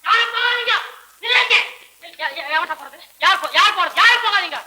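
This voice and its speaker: An actor playing a hot-headed young man who shouts and demands answers, in 1940s film acting style. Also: very high-pitched, expressive, brisk, noisy background. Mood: demanding. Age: young adult.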